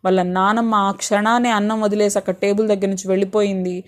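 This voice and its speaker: A woman's voice: mid-range voice, flat delivery, quick pace. A woman teacher explaining a textbook lesson to students. She reads a passage aloud, then explains it patiently, asking questions and answering them herself. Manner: patient, asks and answers her own questions.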